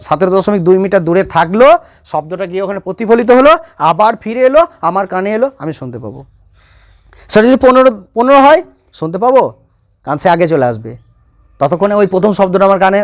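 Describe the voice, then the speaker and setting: A man teaching a science class, repeating key points and quizzing his students. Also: sits high. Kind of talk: classroom lecture.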